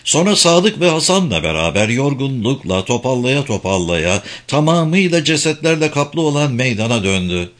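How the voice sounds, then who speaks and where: A man reading a novel aloud as a dramatic, expressive audiobook narration. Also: medium pitch, moderate pace, hardly any pauses.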